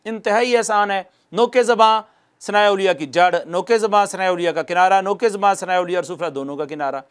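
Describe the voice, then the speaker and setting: A man giving a televised lesson on recitation, patiently repeating points, asking the viewer questions, and slowing down to demonstrate each sound. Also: high voice, clean tone. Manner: slows down to demonstrate letter sounds. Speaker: Quran recitation teacher.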